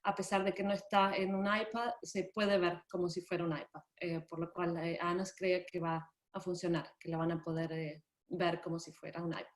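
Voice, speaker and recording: A woman's voice: lowish voice, level tone. Careful woman interpreter in an echoey room. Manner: careful, pausing as she translates. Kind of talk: consecutive interpreting in an online presentation. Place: indoor room on a video call. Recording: roomy, echoey video-call sound.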